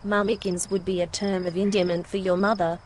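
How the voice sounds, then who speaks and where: A woman with an Australian accent reading an English vocabulary lesson in a clear, careful way. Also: mid-range voice, flat delivery, brisk, a little hiss or hum. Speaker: English teacher.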